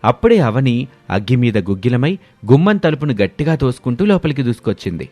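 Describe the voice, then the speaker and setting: A man narrating a moral storybook in a steady, expressive way. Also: medium pitch, quick pace, no echo, soft background music.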